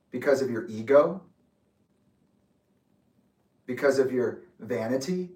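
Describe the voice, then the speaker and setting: A man in his late twenties giving an intense, accusatory personal reflection, speaking deliberately. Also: medium pitch, darkish tone. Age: 20s. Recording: echoey room, distant mic.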